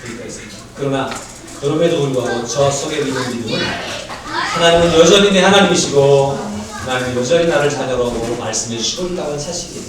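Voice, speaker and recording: A male pastor giving a conversational sermon, quizzing the congregation with rhetorical questions and moving between lively raised passages and quiet asides. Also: medium pitch, quick pace. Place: church sanctuary. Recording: very echoey church, mic far off.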